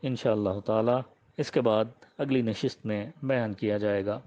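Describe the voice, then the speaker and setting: A man reading a religious biography aloud in a measured, reverent way and ending with a prayer. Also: on the low side, fairly even intonation, dark tone. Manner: measured and reverent, with frequent honorifics. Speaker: religious history reader. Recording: slightly muffled, dull audio.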